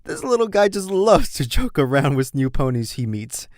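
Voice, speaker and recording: A man's voice: a little high, big pitch swings, normal speed, a little mellow, dry recording, studio quality. A man voicing a grumpy young adult male pony, curt and threatening toward his little brother.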